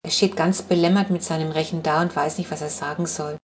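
A woman narrating a children's audiobook with lively, expressive reading. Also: deep voice, fairly quick, slight background noise. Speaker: audiobook reader. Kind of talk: scripted children's book narration.

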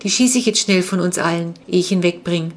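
A woman voicing a brisk, chatty father talking to his family. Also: lowish voice.

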